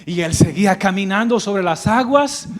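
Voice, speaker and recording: A male pastor delivering a sermon, asking the congregation to repeat after him and building to loud, fervent exhortation. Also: sits high, animated, moderate pace. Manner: preaching with call-and-response to the congregation.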